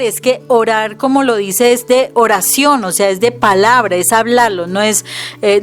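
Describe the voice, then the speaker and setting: A middle-aged woman with a Colombian accent and a fairly high voice gives religious teaching in a conversational way. She is earnest and emphatic, often quoting scripture aloud. Soft music plays faintly behind her. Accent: Colombian Spanish.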